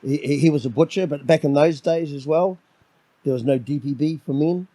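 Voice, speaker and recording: A middle-aged New Zealander guests on a podcast, chatting casually in a loud, domineering voice. He rambles and repeats words as he starts sentences. His pitch is fairly high, his pace brisk, and the recording dry.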